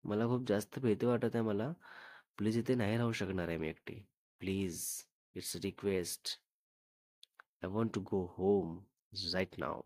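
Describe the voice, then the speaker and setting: A man's voice: fairly low pitch, brisk, dark tone, no room sound, natural voice. Frightened teenage girl, read by a man, begging, timid, dry sound. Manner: begging, fearful.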